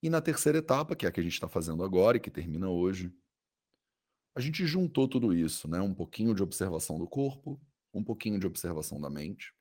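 A Brazilian man teaching and guiding a meditation in a calm, soothing, unhurried way with pauses. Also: low voice. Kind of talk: guided meditation.

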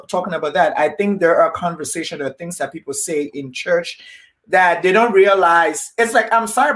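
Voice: mid-range voice, a bit bright. A podcast host in casual interview chat, asking long searching questions.

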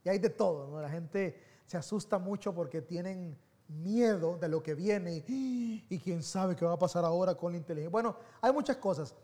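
A man giving a sermon as pastor, telling personal stories in an animated, conversational way that swings between soft and loud. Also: high voice, normal speed.

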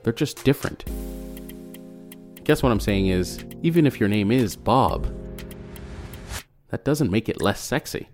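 This podcast host, a Malawian man who grew up speaking Chichewa, narrates from a script and adds playful asides over a music bed. His voice sits on the low side with a darkish tone and lively intonation, and he speaks unhurriedly with frequent pauses.

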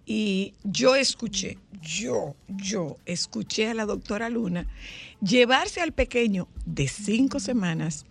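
A woman hosting a radio talk show, telling stories in a lively, teasing way. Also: medium pitch, slow, gravelly, husky. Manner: animated storyteller, teasing, laughs often. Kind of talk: casual radio chat.

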